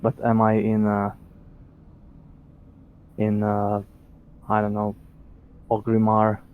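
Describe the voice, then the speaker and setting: A man's voice: fairly low pitch, completely flat delivery, slow pace, clear, resonant tone, phone-quality sound. A man playing a tabletop game who talks hesitantly, stammering with many fillers. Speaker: player. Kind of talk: tabletop role-play chat.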